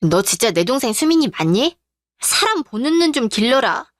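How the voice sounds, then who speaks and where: A woman's voice: fairly high pitch, very animated, moderate pace, dry recording, clean studio sound. A woman voicing an outspoken, protective older sister in a radio drama, talking in a blunt, mocking way. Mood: caring.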